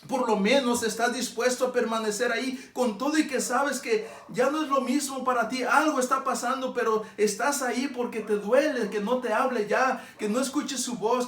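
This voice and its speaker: High-voiced pastor preaching in an echoey church. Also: male voice, a bit bright, a little hiss or hum. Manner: earnest, pleading preaching with many direct questions. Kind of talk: sermon. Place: church sanctuary.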